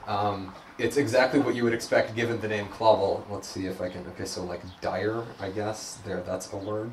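A young man talking through a live code demo in a loose, self-deprecating way, full of ums and restarts. His voice sits a little low. He is heard from across an echoey meeting room with a faint hum of noise behind him. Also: recorded from a distance. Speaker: presenter giving a tech meetup talk. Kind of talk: casual live demo talk. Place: meeting room at a hack night.

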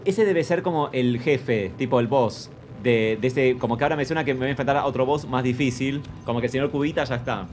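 A man with an Argentine accent streaming a video game, talking to his chat in an excitable, shouting way and speaking of himself in the feminine. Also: mid-range voice, fast talker, few pauses, a little hiss or hum. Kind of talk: live gameplay commentary. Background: loud game music.

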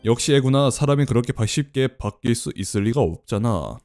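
A man's voice: medium pitch, expressive, a little fast, darkish tone, faint music behind, lightly acted. A man voicing a mocking cursed doll, reading its game lines in a cold, taunting way.

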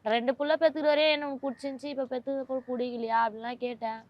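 A woman's voice: sits high, steady tone, racing, highs cut off. A woman, a mother of two, speaks in an emotional interview in a pleading, aggrieved and insistent way.

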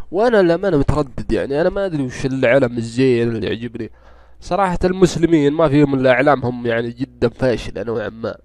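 Congested and stuffy-nosed from a cold, a Saudi man speaking Gulf Arabic-accented commentary grumbles and rambles through a casual gaming video for his YouTube channel. His mid-range voice has a darkish tone, recorded without echo.

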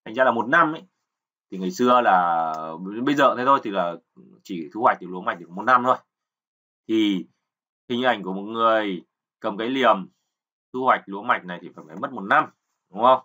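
A man's voice: fairly low pitch, fairly quick, pauses often, sharp tone. A man teaching kanji, patiently explaining and repeating words, often checking with learners. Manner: keeps asking "right?" to check learners. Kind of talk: explanatory lesson.

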